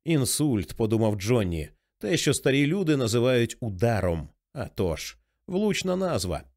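A man reads a novel aloud with expressive narration. His pitch moves a great deal, rising and dropping with each sentence, at a steady middle register. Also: normal speed, no echo, studio quality. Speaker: audiobook reader.

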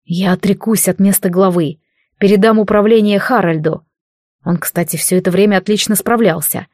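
A woman's voice: medium pitch, steady tone, normal speed, a little mellow, dry recording, clean studio sound, natural voice. A woman reading an audiobook, voicing a proud, resolute young male warrior leader in a firm, declarative way.

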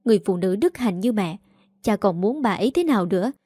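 A woman voicing a headstrong, outspoken young daughter who talks quickly and heatedly. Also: mid-range voice, lively intonation, dark tone, no echo, studio quality, lightly acted. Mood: heated defiant.

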